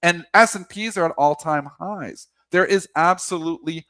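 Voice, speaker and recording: A man's voice: a little high, normal speed, pushed and bright, no echo. A man co-hosting a market talk show, ranting with passion and hammering his points through repetition.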